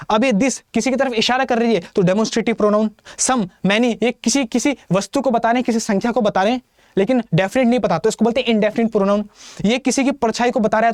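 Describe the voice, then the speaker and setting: A man's voice: high-pitched, no room sound, clean studio sound. A man teaching grammar in a classroom lecture style, constantly asking his students questions and answering them himself, with English terms mixed into his talk.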